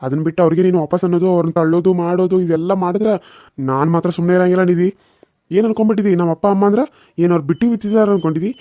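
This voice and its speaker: Casting: male voice for a fast-talking, high-ish cartoon husband with a North Karnataka accent, reproachful. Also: steady tone, mellow, no room sound, clean studio sound, close to an everyday voice. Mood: angry. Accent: North Karnataka Kannada. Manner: lecturing, reproachful. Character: young husband, stern and quick-tempered. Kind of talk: Kannada cartoon serial voice acting.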